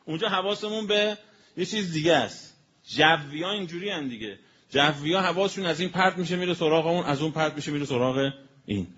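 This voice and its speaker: Guy preaching, slow careful explaining then quick bits, muffled lo-fi sound. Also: on the high side, a bit bright. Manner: explains word meanings slowly and emphatically, then speeds up. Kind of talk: colloquial religious sermon. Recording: dull lo-fi recording with faint noise.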